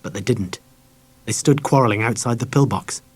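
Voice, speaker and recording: A man reading a children's audiobook aloud in a mid-pitched voice. His storytelling is measured, and he lowers his voice at the quietly dramatic moments. The narration is steady and scripted. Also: husky. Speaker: audiobook reader.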